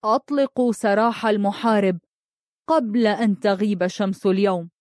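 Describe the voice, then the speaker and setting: A woman voicing a proud, blind young man who speaks steadily and with quiet menace. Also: mid-range voice, steady tone, moderate pace, no room sound, clean studio sound, lightly acted. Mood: firm, defiant.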